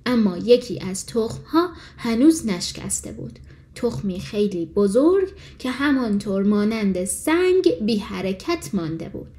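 A woman reading a fairy tale as an audiobook narrator, in calm, measured storytelling. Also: mid-range voice.

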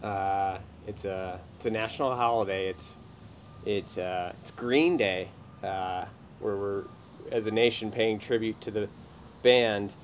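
A man's voice: lowish voice, unhurried, a little hiss or hum, close to an everyday voice. A man in his thirties playing an evasive, broke tenant in a comedy sketch, stammering and rambling placatingly. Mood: sheepish stalling. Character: evasive, broke young male tenant making flimsy excuses. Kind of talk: comedy sketch acting in a parody trailer. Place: outdoors by a garden door.

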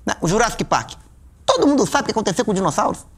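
A rapid, deadpan Brazilian pundit. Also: male voice, sits high, full character voice. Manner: deadpan absurd pronouncements. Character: self-assured male van-driver film pundit.

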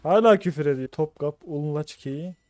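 A man's voice: a little high, normal speed, a little mellow, dry recording. A man streaming a game, ranting in exasperation and swearing as he reads out his teammates' chat. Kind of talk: live gaming commentary.

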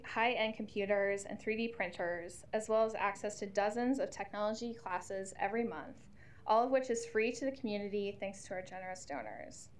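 A woman in her thirties testifying at a podium microphone in a council chamber, reading a prepared statement in a steady, earnest way. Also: on the high side. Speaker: nonprofit CEO testifying.

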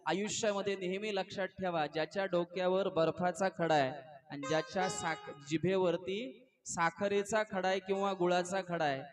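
High-voiced man preaching over music. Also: normal speed. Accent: Marathi. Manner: animated storyteller acting out dialogue, asks the audience questions. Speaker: kirtan preacher. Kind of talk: devotional storytelling sermon. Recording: live with accompanying instrumental music.

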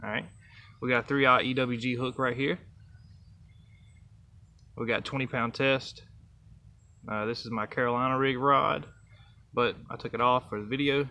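A man's voice: mid-range voice, fairly even intonation, normal speed, pauses often, bright, forceful tone. A young man, casually demonstrating a fishing knot outdoors, counting the steps aloud. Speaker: fishing channel host. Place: outdoors by trees and a truck. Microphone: camera close up, held near face.

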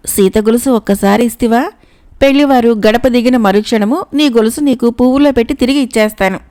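A sly neighbor woman in a spoken storybook, voiced by a woman narrator. She coaxes in a sweet, honeyed way. The tone is smooth and slightly high. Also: a little mellow, lightly acted. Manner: coaxing and honeyed.

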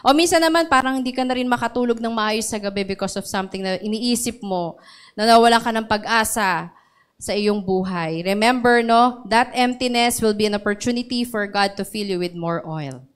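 A woman's voice: a little high, moderate pace, smooth. A woman pastor with a Filipino accent preaching a sermon, calling out to the congregation and getting emotional over scripture. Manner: mixes English into sermon, asks congregation for responses; emotional when reciting scripture.

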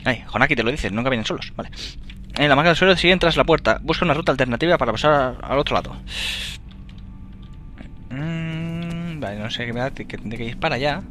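A young man with a Spain Spanish accent giving let's play commentary, excitable, swearing and yelling at enemies as he plays. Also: mid-range voice, fairly quick, a little hiss or hum. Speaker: gamer.

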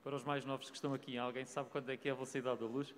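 A man's voice: mid-range voice, little pitch movement, racing. A man moderating the audience questions with short, plain prompts. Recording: reverberant hall, faint room noise.

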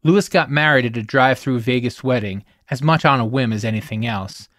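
A man's voice: medium pitch, a bit bright, no echo, clean studio sound. Solemn male documentary narrator. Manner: measured, solemn delivery with emphatic rises. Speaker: podcast host and narrator.

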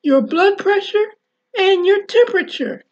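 A calm male family doctor reassures a nervous child, as a woman reads him in her own very high voice. He speaks slowly and steadily. The recording is dull and lo-fi. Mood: reassuring.

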